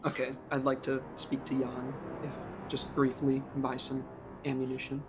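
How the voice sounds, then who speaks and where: A man's voice: mid-range voice, completely flat delivery, moderate pace, over music. A man playing a tabletop game, speaking hesitantly with many fillers. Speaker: player.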